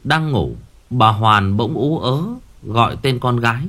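A man narrating a scripted ghost story in a dramatic, expressive way. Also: mid-range voice, unhurried.

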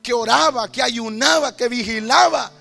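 A man voicing a desperate woman burning in hell, crying out with wailing, pleading shouts. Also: extremely high pitch, normal speed, gravelly, soft background music, exaggerated voice.

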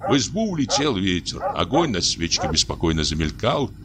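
A man narrating a classic story, measured and expressive. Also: deep voice, noisy background.

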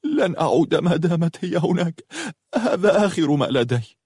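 A man's voice: mid-range voice, animated, fast talker, darkish tone, husky, dry recording, studio quality. A man voicing an angry, self-pitying young man who talks reproachfully, in a storybook reading. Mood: tearful. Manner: reproachful, heated.

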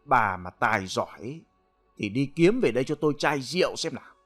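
A man's voice: mid-range voice, lively intonation, a little fast, a bit bright, faint music behind. A man voicing a surly drunk husband who slurs and grumbles at his wife. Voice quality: slurred, whining. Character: drunk, slurring poor old husband.

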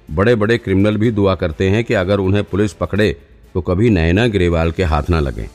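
A man's voice: sits low, darkish tone, natural voice. A man doing an anxious young cop. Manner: worried, urgent. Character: anxious young male police trainee.

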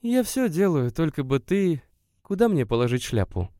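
A man reading aloud voices a gentle, pleading young woman visitor in a spoken story. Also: on the high side, sing-song, normal speed, no room sound, studio quality, pitched above the performer's own voice. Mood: coaxing. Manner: soft, pleading, lilting.

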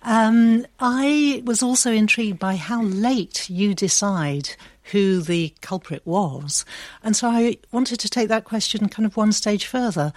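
A woman's voice: medium pitch, darkish tone, no echo. Woman in the audience asking a careful question, a bit wry, dry sound. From Oxford. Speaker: audience member. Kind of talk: asking a question at a live event.

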